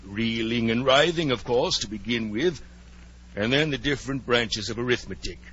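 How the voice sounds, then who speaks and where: A man playing a melancholy, nostalgic old turtle creature in a 1940s radio drama, with earnest, drawn-out pomposity. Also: medium pitch, fairly bright tone, breathy edge. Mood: mournful nostalgia. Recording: dull, lo-fi 1940s radio recording.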